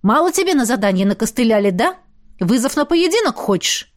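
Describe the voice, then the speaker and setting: A woman's voice: on the high side, lively intonation, measured pace. A woman reading aloud voices a hot-headed, possessive young man, pushy and indignant in his speech. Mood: angry.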